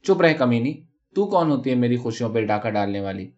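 A man voicing a coquettish, spiteful young second wife with a mocking, shrill tone in a storybook reading, on a dull lo-fi recording. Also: lively intonation, darkish tone, lightly acted.

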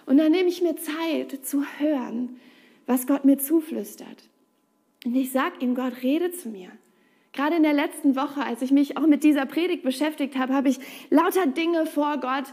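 Hohe Stimme, ernste Predigerin. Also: female voice, sits high, darkish tone. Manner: earnest, direct, conversational. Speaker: preacher. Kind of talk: sermon.

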